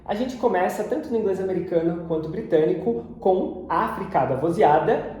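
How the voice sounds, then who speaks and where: A man with a Brazilian Portuguese accent teaching English pronunciation, repeating each word slowly and carefully. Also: high voice, expressive, darkish tone. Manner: repeats English words slowly and deliberately, often several times. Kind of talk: pronunciation lesson. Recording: very echoey room.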